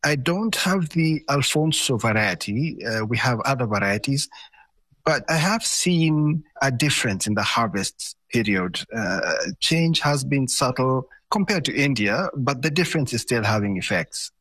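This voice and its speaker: Kenyan guy talking on a radio panel, bit husky, medium pitch, conversational. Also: animated, a little slow, fairly bright tone, no echo. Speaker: panel broadcaster and fruit farmer.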